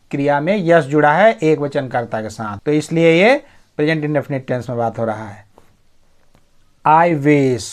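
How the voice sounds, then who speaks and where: A man teaching English, reading English story phrases slowly with an Indian accent and explaining them. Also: on the high side, clear, resonant tone. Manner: slow, deliberate reading of English phrases, then quick glosses of meanings. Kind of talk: Hindi explanation of an English story, read line by line.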